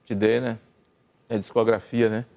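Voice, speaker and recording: Gravelly older man telling a story. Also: on the low side, moderate pace. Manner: animated storyteller acting out dialogue. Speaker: gospel singer and senator telling a story. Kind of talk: casual storytelling chat.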